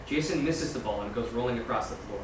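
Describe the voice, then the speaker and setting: At a screenplay table read, a man reads scene directions aloud as scripted narration in a fast, mid-range voice. He's far from the mic in a large echoey room. The recording is echoey and noisy, captured from a distance.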